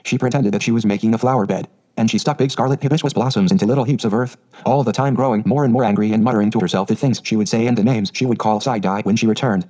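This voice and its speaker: Audiobook narrator: a man, quick and steady, mellow low-lit tone. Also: low-quality recording.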